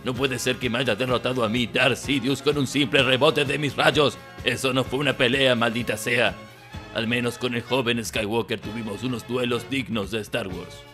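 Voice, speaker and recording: Parody dub: male actor as sardonic old villain emperor, Latin American Spanish accent, forceful tone, mid pitch, light music behind. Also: fairly even intonation, normal speed, natural voice. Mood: exasperated. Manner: sardonic, exasperated, swearing. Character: grumpy, foul-mouthed old male evil emperor reviewing a film. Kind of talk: comic scripted review in parody dub. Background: background music.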